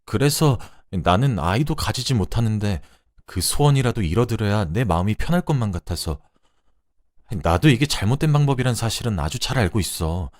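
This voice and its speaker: A man's voice: on the low side, animated, normal speed, darkish tone, no echo, studio quality, natural voice. A man voicing a guilt-ridden husband who pleads and stammers through tears. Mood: confessing. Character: desperate, guilt-ridden husband begging forgiveness.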